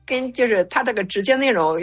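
A young woman chatting casually and haltingly, with a slight thick-tongued lisp from wearing dental braces. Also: a little high, animated, soft background music. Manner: slow, halting delivery. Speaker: guest sharing study experience. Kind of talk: casual chat.

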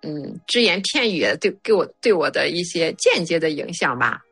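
A young woman chatting casually and haltingly, with a slight thick-tongued lisp from wearing dental braces. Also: lowish voice, expressive, fairly bright tone, breathy edge, soft background music. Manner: slow, halting delivery. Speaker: guest sharing study experience. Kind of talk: casual chat.

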